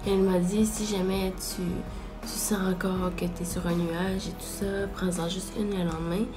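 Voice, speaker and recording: A woman's voice: on the low side, little pitch movement, moderate pace. Casual Quebec woman vlogger over music. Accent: Quebec French. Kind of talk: casual, candid vlog chat.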